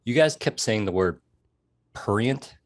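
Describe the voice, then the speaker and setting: A man's voice: fairly low pitch, expressive, normal speed. A man, the show's producer, cutting in to correct and scold the hosts pedantically. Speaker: show producer. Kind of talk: comedic correction segment.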